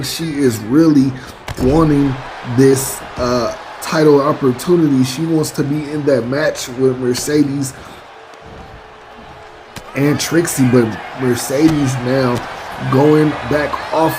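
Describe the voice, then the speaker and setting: A man giving play-by-play wrestling commentary over a video game, addressing listeners in announcer style with stock exclamations. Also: mid-range voice. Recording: clear background noise behind the voice.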